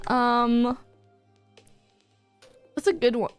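A woman's voice: fairly high pitch, fairly even intonation, very slow, clean tone, soft background music. A woman streaming a game, chatting casually with a friend in a playful, teasing way and laughing often. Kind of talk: casual chat on a gaming stream.

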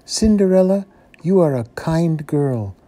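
Man doing a gentle fairy godmother. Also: on the high side, animated, measured pace, voice pushed up. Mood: kindly. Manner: gentle, kindly. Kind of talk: storybook read-aloud.

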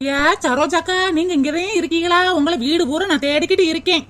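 A woman voicing a cheeky fast-talking village daughter-in-law. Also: extremely high pitch, very noisy. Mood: pleading. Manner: cheeky, whiny, talks back.

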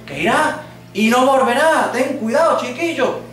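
A man voicing a worried older washerwoman who gives slow, pleading warnings in a high voice, recorded from far off in an echoey room. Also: expressive, fairly bright tone, soft background music.

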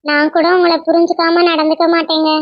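A woman voicing a young cartoon wife who talks softly and apologetically to her husband. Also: extremely high pitch, little pitch movement, a little fast, dry recording, lo-fi sound. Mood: apologetic. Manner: soft, apologetic.

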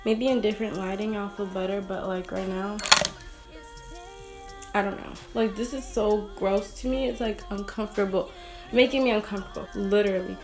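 A woman's voice: mid-range voice, steady tone, normal speed, over music. A young woman chatting through a makeup tutorial at home, rambling and poking fun at herself. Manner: rambling, self-mocking, giggly asides. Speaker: beauty vlogger. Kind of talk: casual makeup tutorial chat.

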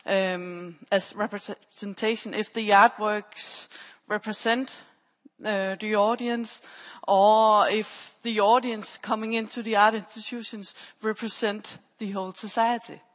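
Standing on stage in a large dark auditorium, a woman wearing a headset mic gives a conference talk as a PhD researcher, explaining and rephrasing as she goes. Her mid-range voice stays steady and a little slow. Long reverb fills the echoey hall.

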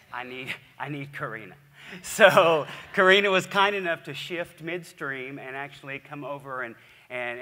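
Enthusiastic man on stage, bright voice. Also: mid-range voice. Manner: enthusiastic, chatty, with restarts. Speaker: host. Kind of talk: onstage interview. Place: large conference stage. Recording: hall reverb from a stage.

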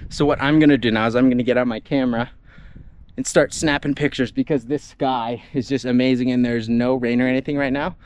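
A young man narrates his own outdoor photography vlog into an action camera mic while hiking in the desert, chatty and upbeat and explaining his gear along the way. His medium-pitched voice is steady, fairly quick, a little mellow and clean. At times he sounds out of breath.

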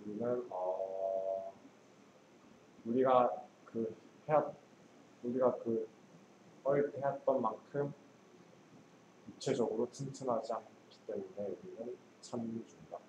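A male student translating English sentences aloud, halting with pauses and restarts. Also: medium pitch, dull audio. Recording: echoey room with clear background noise.

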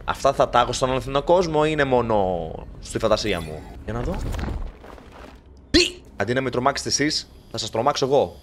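A young man playing a horror video game, talking to the characters and joking, with sudden shouts when startled. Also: mid-range voice, a little hiss or hum. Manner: animated, jokey, talks to game characters, bursts into shouts. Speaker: gaming YouTuber. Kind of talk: let's play commentary.

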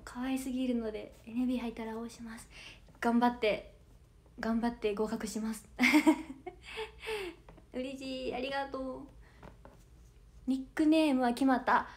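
A giggly young woman in her early twenties with a soft Kansai lilt chats on her livestream. Her voice sits high and bright with youthful energy, and she breaks into laughter between reading fans' comments aloud. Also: measured pace, pauses often. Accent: Kansai Japanese. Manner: bubbly and giggly, with frequent laughter. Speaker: idol audition candidate livestreaming. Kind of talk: casual livestream chat reading viewer comments.

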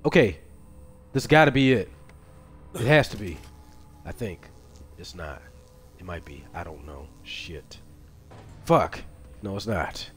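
A man streaming a video game live, reacting out loud with swearing and excited outbursts while he talks to himself and his chat. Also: deep voice, slow, long pauses, faint music behind. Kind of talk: live gameplay commentary.

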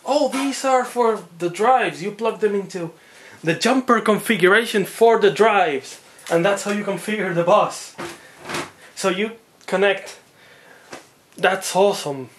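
Slow-talking, higher-voiced man, thinking aloud. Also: a little hiss or hum. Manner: rambling, thinks aloud, easily amazed. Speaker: tech hobbyist vlogger. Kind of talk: unboxing and teardown narration.

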